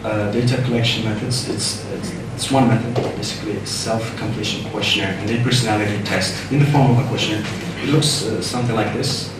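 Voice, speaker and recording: A man's voice: on the low side, steady tone, brisk, hardly any pauses. A man giving an informal academic presentation, hesitant and repeating words as he goes. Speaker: student presenter. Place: indoor seminar room, far from mic. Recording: very echoey room, distant mic, noisy.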